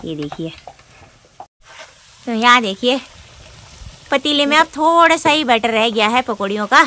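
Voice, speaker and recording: A woman's voice: on the high side, animated, measured pace, sharp tone. A young woman in her twenties from Uttarakhand, chatting casually as she narrates her village vlog outdoors on a phone camera held at arm's length. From Uttarakhand, India. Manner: chatty, explains as she cooks and walks. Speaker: village vlogger.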